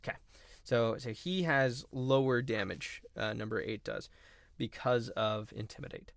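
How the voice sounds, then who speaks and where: A man's voice: mid-range voice, vocal fry, no room sound. A man running a tabletop role-playing game as game master, narrating actions with many filler ums. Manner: relaxed, many filler ums, quick rules talk.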